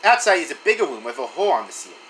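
Guy reading an ai story game out loud, bright lively voice, trips over words sometimes. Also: fairly high pitch, rapid-fire, slight background noise, low-quality recording. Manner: animated, stumbling reading with restarts. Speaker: channel host reading a story game aloud. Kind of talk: casual read-aloud of a text adventure.

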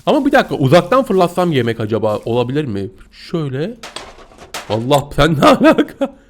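A young man giving playful, excitable gameplay commentary, often giggling and squealing at the screen. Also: on the high side, a little fast, slight background noise. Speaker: gaming YouTuber.

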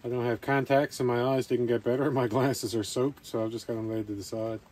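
Speaking briskly in a mid-range, somewhat mellow voice with little pitch movement, a man narrates a camping vlog. He rambles casually to camera at a rainy outdoor campsite over faint ambient noise.

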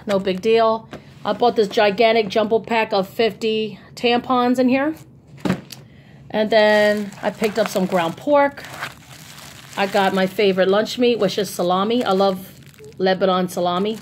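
A woman with a mid-range voice talks unhurriedly in a casual, rambling haul vlog, showing off her shopping. There's a little hiss or hum in the recording.

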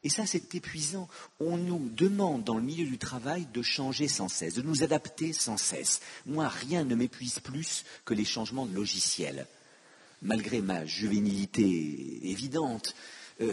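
A man's voice: medium pitch, lively intonation, measured pace, husky. An older man giving a public lecture, with witty, self-mocking asides to the audience. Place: conference hall. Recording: long hall reverb.

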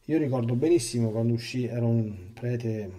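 In a warm, medium-pitched voice at a moderate pace, a priest picked up from a distance delivers an emphatic catechesis sermon. He reads a testimony aloud and then comments, tending to stammer and repeat words once he speaks freely.

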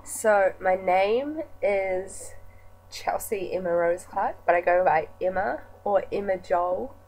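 A woman's voice: medium pitch, darkish tone, soft background music, low-quality recording. A nineteen-year-old woman with a New Zealand accent reading through an accent challenge word list in a casual vlog. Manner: slow, casual and chatty, reading words off a list. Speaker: vlogger.

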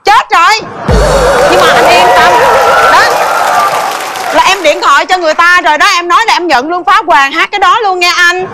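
A woman's voice: very high voice, over loud music, over a noisy crowd. An actress playing a bossy, scheming wife who nags her singer husband in a stage comedy sketch. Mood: nagging. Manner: nagging, fast and exclamatory. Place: television studio stage.

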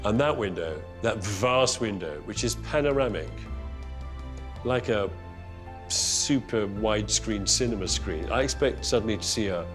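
A man's voice: lowish voice, animated, a little slow. A man in his sixties presenting a home-renovation documentary, narrating and chatting on site with wry, enthusiastic exclamations. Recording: music bed under narration.

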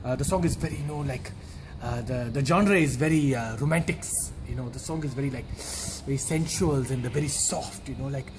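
A man, playing a flustered, pretentious dance choreographer in halting, repetitive broken English. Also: mid-range voice. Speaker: comedian playing a song choreographer. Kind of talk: comedy sketch monologue. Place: outdoor walled yard. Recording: noisy outdoor camera audio.

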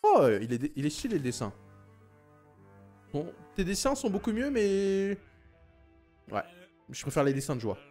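A man giving excitable let's-play commentary on a game, reacting loudly and often breaking into shouts. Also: sits high, normal speed, long pauses, faint music behind. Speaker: gaming video creator.

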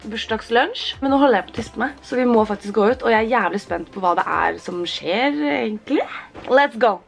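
A young woman vlogging her birthday morning at home, talking casually and getting excited and teary. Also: fairly high pitch, creaky, faint music behind. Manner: excited, swearing, tearful exclamations. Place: apartment indoors.

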